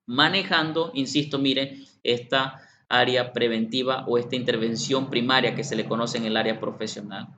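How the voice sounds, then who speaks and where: Bright-voiced man lecturing a workshop. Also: mid-range voice, steady tone, moderate pace. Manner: repeats himself, addresses participants directly, acts out children's voices. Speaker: workshop presenter. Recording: slightly muffled, faint background hum.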